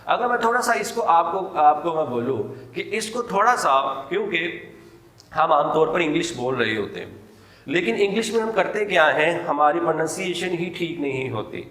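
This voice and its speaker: A man with a Pakistani accent giving a recorded English lecture, repeating points and reading English example sentences out slowly and deliberately. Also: fairly high pitch, expressive, fairly bright tone. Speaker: college English teacher. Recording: echoey hall with long reverb.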